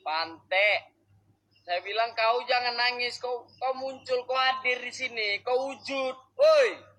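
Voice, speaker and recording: A man's voice: extremely high pitch, steady tone, slow pace, bright, forceful tone. A man live-streaming a spirit summoning, scolding and coaxing unseen spirits in short, clipped outbursts.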